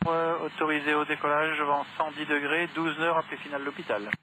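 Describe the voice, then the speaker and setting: A man's voice: fairly high pitch, fairly even intonation, brisk. A man working as an air traffic controller, speaking clipped radio phraseology over an aviation headset. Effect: aviation radio transmission.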